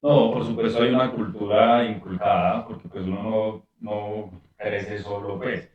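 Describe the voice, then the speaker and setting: Colombian guy, lowish voice, explains things calmly, really echoey room, mic far. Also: measured pace, lo-fi sound. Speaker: guest. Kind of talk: casual conversation.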